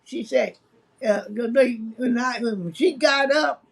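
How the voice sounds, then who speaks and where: Older woman, husky and raspy, unhurried storyteller. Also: fairly high pitch. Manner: unhurried storytelling, matter-of-fact about spirits. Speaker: grandmother on a live stream. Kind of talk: casual chat.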